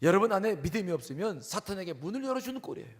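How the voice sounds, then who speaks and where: High-voiced preaching pastor in a reverberant church. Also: male voice, big pitch swings, very fast. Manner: emphatic preaching, asks the congregation questions, swings from loud to hushed. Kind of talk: sermon. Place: church sanctuary. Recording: long hall reverb.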